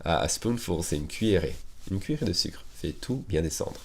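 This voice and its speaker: A man teaching English to French speakers, slowing right down for the English examples and talking quickly when he explains in French, with an American accent in his English. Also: low voice, expressive, breathy edge. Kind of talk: online language lesson.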